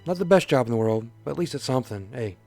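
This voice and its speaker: Mellow guy reading a game out loud, plain voice, jokey asides, faint music behind. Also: mid-range voice, lively intonation, very fast. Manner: reads game text aloud in a plain voice, with joking asides. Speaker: let's play host. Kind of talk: casual game reading commentary.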